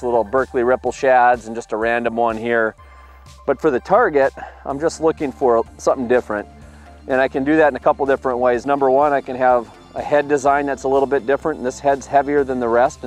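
A man in his thirties talks through his fishing gear from an open boat on a lake, upbeat and explanatory. His voice sits at an ordinary middle pitch, caught on a lapel mic outdoors. Faint music plays softly underneath. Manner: upbeat, explanatory, excited at catches. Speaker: fishing video producer. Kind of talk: on-the-water fishing demonstration.

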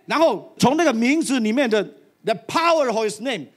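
A church elder preaching a sermon to a live audience, animated and slipping English phrases into his talk. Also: extremely high pitch, moderate pace.

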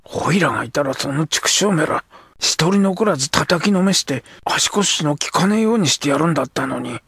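A man voicing a rough, sulky young Edo street boy who talks in coarse slang. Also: a little high, animated, moderate pace, a bit bright, no room sound, studio quality, pitched above the performer's own voice, exaggerated voice. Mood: sulky, gruff. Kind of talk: audiobook character voice.

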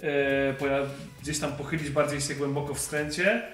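A young man reviewing skis in a shop, explaining in a measured way and pausing to find his words. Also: a little high, fairly even intonation, a bit bright. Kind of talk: product review. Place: ski shop, indoors. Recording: echoey shop with faint music.

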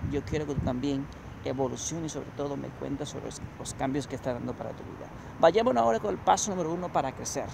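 Speaking quickly in a mid-range voice with vocal fry, a motivational coach in his thirties walks a city promenade at night and addresses the viewer through his handheld phone camera. His vlog monologue is preachy and repetitive. The outdoor audio is noisy, with traffic passing and street sounds around him.

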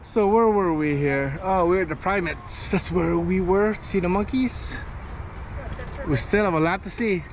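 At a measured pace and in a voice that sits high, a middle-aged man narrates his family vlog's walking tour of an outdoor zoo. The camera is held at arm's length, his tone is chatty and upbeat, and outdoor noise comes through.

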